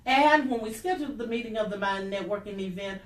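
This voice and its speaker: A woman's voice: mid-range voice, a little fast, echoey room, distant mic. An older woman, an author hosting a book event, giving effusive thank-yous and announcements with cheers. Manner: effusive, cheering, shout-outs. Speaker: author and host.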